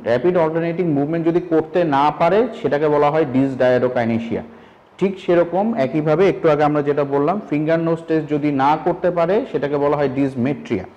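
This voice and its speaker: A man's voice: fairly high pitch, darkish tone. A man teaching a clinical examination, explaining each step and giving instructions to a patient as he demonstrates. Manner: gives patient instructions mid-explanation, repeats key terms. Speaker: medical instructor. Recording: muffled lo-fi recording.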